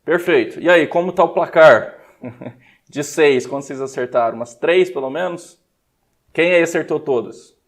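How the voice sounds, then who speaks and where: A man's voice: fairly high pitch, moderate pace. A man with a Brazilian accent teaching an English exam prep class live, upbeat and coaxing, switching often between Portuguese and English. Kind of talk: live online class explanation.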